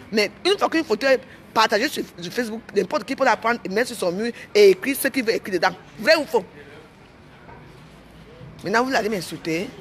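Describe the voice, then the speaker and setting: A woman's voice: on the high side, a bit bright, a little hiss or hum. A woman with a Cameroonian French accent, a vlogger speaking straight to her audience in a heated, indignant rant, repeating herself and tagging phrases with "hein".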